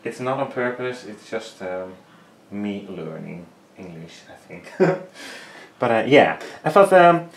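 Lowish and gravelly, with big pitch swings and a slow pace, his voice carries a little hiss or hum. He's a Dutch and Frisian speaker in his thirties using English as a third language, hesitating and using fillers as he hunts for words while painting in a small, echoey home studio for a casual vlog.

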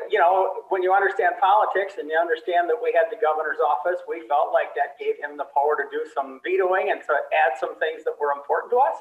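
An older man speaking as a state representative on a panel over a video call, relaxed and chuckling between points. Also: fairly high pitch. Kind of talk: panel discussion answer. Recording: tinny, phone-like, echoey.

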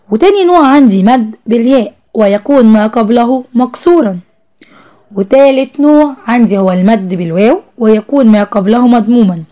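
A young woman with an Egyptian Arabic accent teaching a first-grade Arabic lesson, praising the children and drawing out each word slowly as she spells it. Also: on the high side, dark tone. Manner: drawn-out slow spelling of words, encouraging praise to children.

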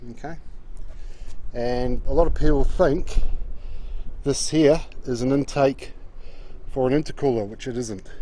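A man presents a car for auction, walking around it in an open outdoor yard and commenting off the cuff in a plain, matter-of-fact way, often tagging points with "okay." His voice is mid-range and mellow.

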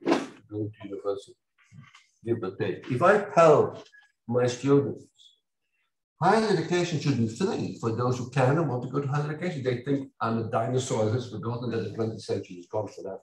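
Older lecturer from Belgium in an echoey hall. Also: male voice, mid-range voice, fairly quick, far from the mic, slight background noise. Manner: animated, ironic, mocking asides with sudden loud outbursts. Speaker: university lecturer. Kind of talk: academic lecture.

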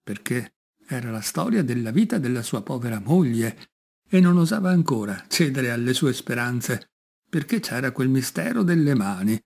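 Man reading a fairy tale out loud, lively and expressive. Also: medium pitch, creaky. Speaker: reader. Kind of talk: storybook reading.

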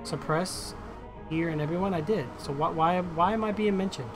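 A slightly high-voiced man speaks at normal speed while gaming on a live stream. He's in his thirties, talking to viewers in a slangy, chummy gamer-bro way from an indoor streaming setup with background music.

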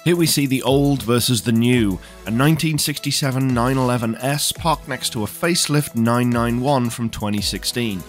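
A man's voice: mid-range voice, moderate pace. A man giving a scripted voice-over about cars at a show, enthusiastic and knowledgeable. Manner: enthusiastic, knowledgeable car commentary. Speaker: car show presenter. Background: faint background music.

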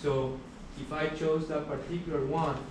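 A man's voice: a little high, normal speed. Guy teaching a class, lots of uhs, big roomy lecture hall sound, kinda far off. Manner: steady explaining with frequent uh fillers. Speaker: university lecturer. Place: large lecture hall, indoors. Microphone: far camera at the back of the room. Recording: echoey hall recorded from far off, background hiss.

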